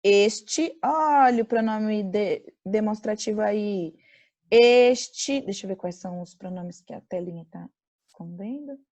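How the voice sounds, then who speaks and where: A woman with a Brazilian accent teaching an online grammar class over a video call. She slows down to dictate example sentences and quizzes her students. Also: mid-range voice, darkish tone. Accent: Brazilian Portuguese.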